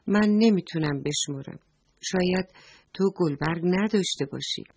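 A woman's voice: fairly low pitch, darkish tone, slightly rough. A woman reading a children's storybook, voicing a friendly, polite young bee who counts petals patiently. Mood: gentle.

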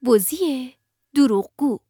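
A woman storyteller narrating a children's bedtime story on radio, gentle and expressive. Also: high-pitched, a little hiss or hum.

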